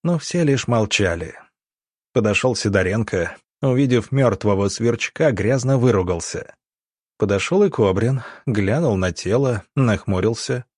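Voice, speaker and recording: Male narrator, low voice, dry close sound, steady audiobook reading. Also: a little slow, no room sound.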